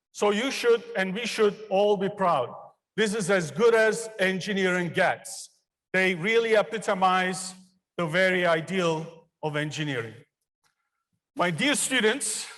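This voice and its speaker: A man's voice: high voice, fairly bright tone. A man in his fifties from Turkey, an engineering professor giving an earnest, personal commencement speech in a large theater. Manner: earnest, personal storytelling with pauses. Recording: long reverb of a large hall.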